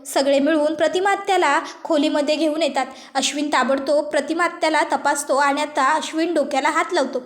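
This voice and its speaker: Very high-pitched woman retelling a drama. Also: fairly even intonation, brisk, few pauses. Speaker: serial recap narrator. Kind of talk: storytelling narration. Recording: roomy echo.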